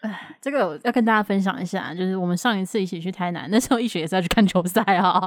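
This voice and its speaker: A woman's voice: medium pitch, fast talker, no echo. A woman, co-hosting a casual podcast chat, teasing, laughing often and steering the talk. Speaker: podcast co-host.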